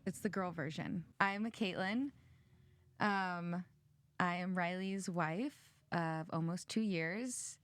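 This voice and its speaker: A woman's voice: fairly low pitch, takes it slowly, fairly bright tone, no room sound. A woman in her twenties hosting a podcast, chatting casually and giggling, with lots of "like" and "um". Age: 20s. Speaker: podcast host. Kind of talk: casual chat.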